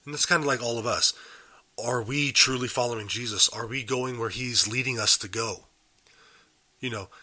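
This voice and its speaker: Still a bit raspy from a cold, a man hosts his daily Bible podcast, earnestly unpacking a passage and posing questions to listeners. His medium-pitched voice has a sharp edge, and the recording is live and unedited.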